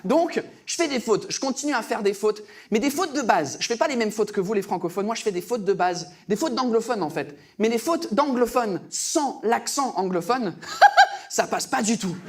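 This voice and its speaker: Animated stand-up comedian, a man. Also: high voice, normal speed. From England. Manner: animated, mocking, laughs at own jokes.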